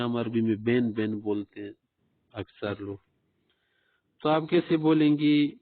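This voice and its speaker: Male teacher, slow patient drills, repeats words, tinny phone-like audio, dry. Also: medium pitch, dry recording. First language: Urdu. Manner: slow, repeats example phrases for learners. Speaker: Arabic teacher. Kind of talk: language lesson.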